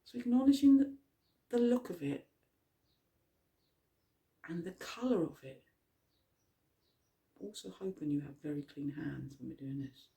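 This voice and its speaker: Gravelly, mellow-voiced mindful eating guide. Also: mid-range voice, lively intonation. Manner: gentle questioning, slow prompts; talks while chewing at times. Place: at home with a cat nearby.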